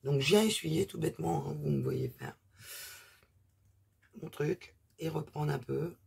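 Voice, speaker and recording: Gravelly, husky crafting tutor. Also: mid-range voice, a little slow, darkish tone. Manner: chatty, rambling, many fillers and asides; talks while working, trails off mid-sentence. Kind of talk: casual hands-on crafting demonstration.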